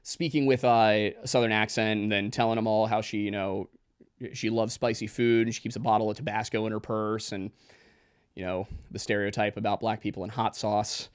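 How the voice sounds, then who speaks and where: A man in his twenties co-hosting a podcast, chatting casually and joking, with quick asides. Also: on the low side, little pitch movement, clean tone, no echo, clean studio sound. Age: 20s. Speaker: podcast co-host.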